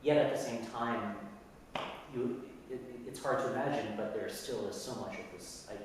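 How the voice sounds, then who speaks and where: A man from San Francisco answers interview questions in a casual, reflective way, often restarting as he gropes for the right phrase. His somewhat low voice sits back from the microphone on a video call. The room rings with heavy echo and faint hiss. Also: normal speed. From San Francisco, USA. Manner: reflective, searching for words with frequent restarts. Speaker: musician, interview guest. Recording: echoey room, far from mic, faint hiss.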